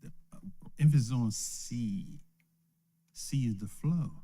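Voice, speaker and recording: Speaking slowly in a mellow, medium-pitched voice, an elder teaches an informal Bible lesson streamed live from home or a small study. He checks in with "right?" after most points and chuckles frequently.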